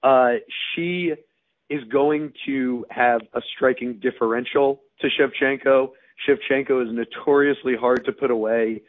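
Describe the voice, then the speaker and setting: A man co-hosts a sports show in a hoarse, raspy voice that sounds strained and nearly gone. He talks analysis casually, at a middling pitch, over a tinny, radio-like narrow line. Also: fairly even intonation, measured pace. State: hoarse, losing his voice. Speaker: sports podcast co-host.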